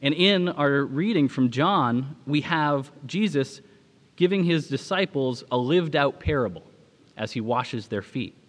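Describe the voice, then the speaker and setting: A man delivering a sermon as a pastor, speaking in a measured, preaching manner with dramatic pauses. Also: medium pitch, lively intonation, in a large hall.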